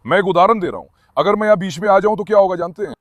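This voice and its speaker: A man's voice: sits high, racing, no room sound. Man who owns dogs, chatty to viewers, soothing to the animals, dry voice. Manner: talks to viewers and calms his dogs in turns. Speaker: dog owner filming his dogs. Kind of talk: casual commentary to viewers.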